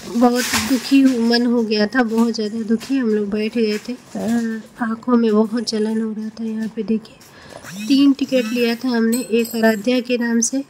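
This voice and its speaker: A woman's voice: on the high side, warm tone, a little hiss or hum. A woman, vlogging a train journey in an emotional, repetitive way. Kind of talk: casual travel vlog narration.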